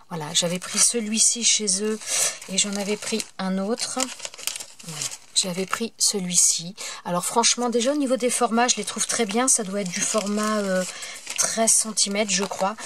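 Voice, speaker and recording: A woman talks through her craft haul in a loose, chatty way, often apologizing and tripping over her words. Her pitch sits at an ordinary middle height. A clear layer of background noise runs under the home recording. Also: normal speed. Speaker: craft vlogger. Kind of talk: casual product haul review.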